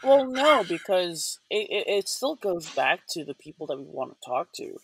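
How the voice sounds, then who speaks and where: Co-hosting a podcast, a man muses in casual, thoughtful conversation, rambling with many fillers and restarts. His high voice is sing-song and a little breathy, at a normal speed.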